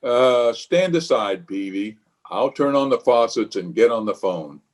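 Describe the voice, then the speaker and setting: In an old-time radio comedy, a male actor with a mid-range, expressive voice plays a blustery, pompous, scheming middle-aged water commissioner. He delivers his lines at a measured pace, hammy and exclamatory, in a blustering mood.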